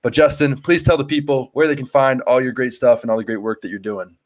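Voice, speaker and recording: A male podcast host chats in a loose, rambling way, padding his thoughts with fillers. His voice sits at an ordinary middle pitch. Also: fairly even intonation, fast. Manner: loose and rambling, full of "like" and "you know" fillers. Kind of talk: casual podcast interview.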